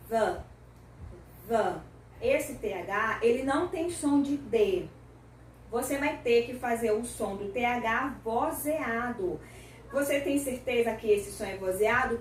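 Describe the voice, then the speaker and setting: A woman's voice: on the high side, far from the mic, a little hiss or hum. A Brazilian woman teaching an English lesson, explaining patiently and checking in often with her listeners. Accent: Brazilian Portuguese. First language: Portuguese. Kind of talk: language lesson. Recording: echoey room, voice from off-mic.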